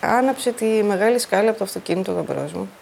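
Woman recounting her own ordeal, warm dark tone, plain earnest talk. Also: medium pitch, lively intonation, creaky, slight background noise. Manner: plain, earnest first-person retelling. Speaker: flood survivor telling her story. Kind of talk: personal testimony.

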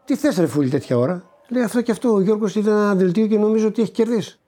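An older man tells an interviewer the story of his lottery win, acting out the dialogue and stumbling over repeated words when emotion takes over. His voice is high-pitched with a dark tone, and there is slight background noise.

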